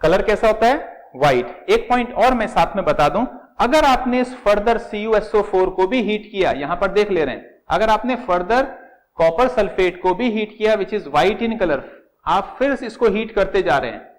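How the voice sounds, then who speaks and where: A man's voice: high-pitched, lively intonation, normal speed, low-quality recording. A middle-aged man teaching chemistry. He explains step by step, repeats key words and calls his students "beta". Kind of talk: classroom lecture at a whiteboard.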